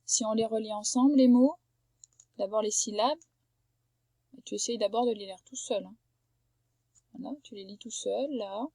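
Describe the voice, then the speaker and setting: A woman teaching a young child to read from home, patient and careful. She draws out each word slowly so every sound comes through. Her voice sits fairly high and the sound is dry and close. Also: warm tone, no echo. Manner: patient, slow and clear, stretching out words to sound them. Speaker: primary school teacher. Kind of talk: remote reading lesson for a young child.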